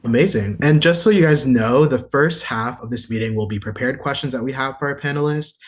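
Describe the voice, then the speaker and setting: Brisk husky-voiced man moderating. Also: mid-range voice. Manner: brisk, organized, upbeat. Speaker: webinar moderator. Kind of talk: hosting an online panel. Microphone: video call.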